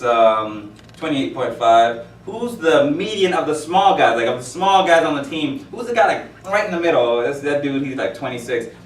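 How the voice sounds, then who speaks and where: A man's voice: on the high side, far from the mic, slight background noise. Rambling man teaching math in an echoey room. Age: 40s. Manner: rambling, jokey, with asides and stories. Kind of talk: classroom lecture. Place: classroom.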